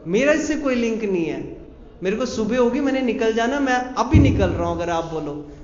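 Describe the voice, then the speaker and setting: A man voicing a calm, earnest young male devotee in a sermon story. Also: very high-pitched, moderate pace. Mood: firm. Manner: soft, earnest refusing. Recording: echoey hall, dull sound.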